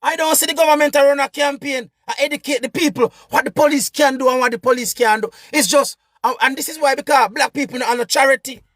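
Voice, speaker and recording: High-voiced Jamaican man ranting. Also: fairly even intonation, fast talker, few pauses, a bit bright, no echo, studio quality. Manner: impassioned, repetitive, preachy. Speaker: vlogger. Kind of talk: political commentary rant.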